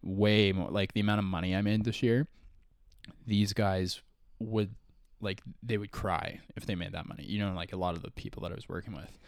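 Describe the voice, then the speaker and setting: Low-voiced guy in his early 20s, rambly podcast chat, lots of "like", dry sound. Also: steady tone, fairly quick, clean tone, dry recording. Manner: rambling, full of "like" and restarts. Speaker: podcast co-host. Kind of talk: casual chat.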